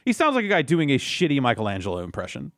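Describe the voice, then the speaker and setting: A male podcast co-host talking through episodes in a loose, rambling way. His pitch swings around a lot as he trips over restarts and drops casual swearing. The recording is dry, with no room echo. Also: wildly swooping pitch, fast, a bit bright. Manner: rambling, profane, many restarts. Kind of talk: casual chat recapping a cartoon.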